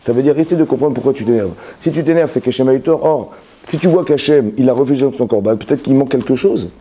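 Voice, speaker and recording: A man's voice: medium pitch, quick pace, dark tone. A man, a rabbi, giving a Torah lesson that explains with everyday examples, with many restarts and repeated words, often checking that his listeners follow.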